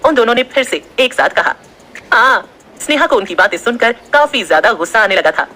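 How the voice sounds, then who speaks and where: A woman narrating an audio story in an expressive, steady storytelling manner. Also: fairly high pitch, fast talker.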